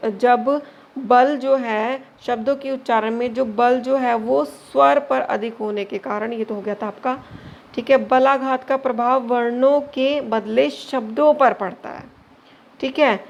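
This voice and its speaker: Through a muffled recording, a woman teacher with a somewhat high voice and some vocal fry delivers an exam-prep grammar lesson a little slowly and with fairly even intonation. She asks questions only to answer them herself, uses short confirming tags to check in, and mixes English words into what she explains.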